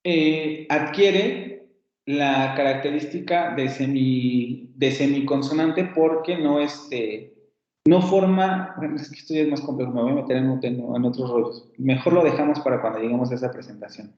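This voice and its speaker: A male professor giving an online phonetics class, explaining at length and repeating example words slowly. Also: mid-range voice, a little mellow, heavy reverb, dull audio.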